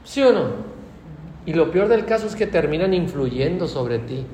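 A man's voice: a little high, moderate pace, roomy sound, slight background noise. A man with a Mexican Spanish accent preaching a sermon, often asking his listeners questions. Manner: animated, asks the congregation questions.

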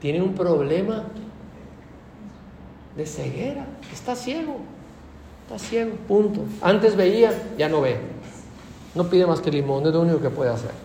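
A man's voice: sits high, echoey room, slight background noise. A man with a Mexican Spanish accent preaching a sermon, often asking his listeners questions. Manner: animated, asks the congregation questions.

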